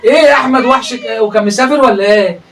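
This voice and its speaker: A man's voice: extremely high pitch, very fast, recorded from a distance, background noise. A man with an Egyptian accent doing comic commentary on clips, teasing and laughing often. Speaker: comedy commentator reacting to clips.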